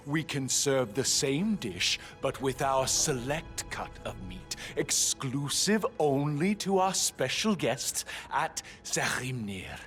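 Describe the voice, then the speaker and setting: A man's voice: medium pitch, a bit bright. An actor playing a boastful male chef who savors every word. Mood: smooth. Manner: slow, heavily accented, savoring every word. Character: boastful male chef, slow and self-assured. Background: game music.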